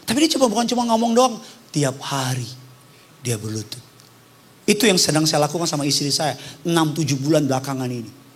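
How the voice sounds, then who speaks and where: A man's voice: fairly high pitch, lively intonation, fairly quick, breathy edge. A male pastor preaching an impassioned sermon with call-and-response and humor. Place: church service.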